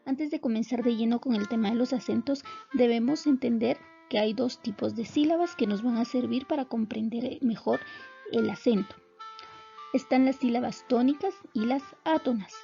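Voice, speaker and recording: A woman teaching a recorded lesson, explaining in a clear, measured way. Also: on the high side, dark tone, lo-fi sound, faint music behind.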